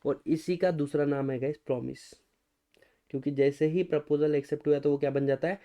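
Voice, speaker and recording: A man's voice: on the high side, fairly even intonation, fairly quick, mellow. A man with an Indian accent teaching law, who keeps asking his students rhetorical questions and answers them himself. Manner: mixes Hindi and English, addresses students as guys. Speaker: law lecturer. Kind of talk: recorded exam-prep lecture.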